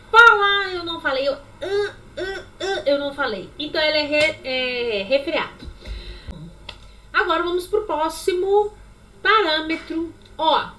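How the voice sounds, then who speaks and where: A woman teaching a sign language lesson online, demonstrating with lively, repeated examples. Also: very high-pitched. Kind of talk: online lecture. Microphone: webcam.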